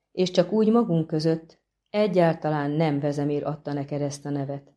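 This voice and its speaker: A mysterious healer-sorceress, hushed and tender yet quietly commanding, as a woman reads her in an audiobook. The voice is low for a woman, warm and mellow. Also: close to an everyday voice. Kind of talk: audiobook reading.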